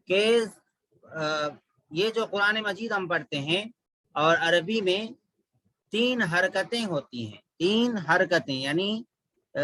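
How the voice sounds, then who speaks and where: Male reading tutor, high bright voice, patient repetition, dry close sound. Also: dry recording, rough recording. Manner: patient, repeats each rule slowly. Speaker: Quran reading teacher. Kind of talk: online class instruction.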